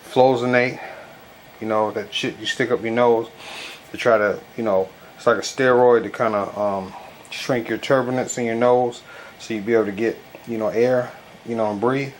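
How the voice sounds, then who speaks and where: A man talking casually and haltingly in a home product review, with a stuffy nose as if packed with gauze. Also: medium pitch, steady tone. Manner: loose, colloquial, halting with frequent verbal tics. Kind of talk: casual rambling video review. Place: bedroom at home. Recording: noisy home recording, clear background noise.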